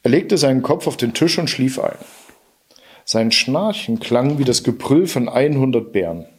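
A man narrating a fairy tale aloud in a lively, expressive storybook reading. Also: mid-range voice, normal speed, breathy edge.

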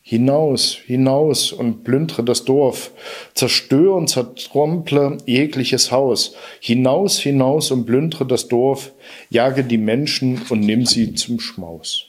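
A man's voice: mid-range voice, a little fast, hardly any pauses, natural voice. A man voicing a desperate enchanted harp. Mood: chanting. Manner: sung-spoken verses. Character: enchanted singing harp, female, captive and desperate.

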